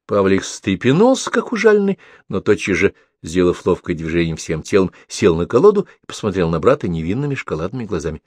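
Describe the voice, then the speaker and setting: A man reading an audiobook as narrator, expressive and storytelling. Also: sits low, fast talker, hardly any pauses, slightly rough, no echo. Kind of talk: scripted narration.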